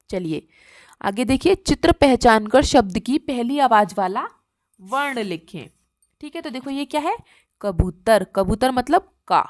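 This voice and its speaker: A woman teaches a workbook lesson to small children, asking questions and slowly repeating each letter. Her voice sits a little high. The sound is dry and close, with no room echo.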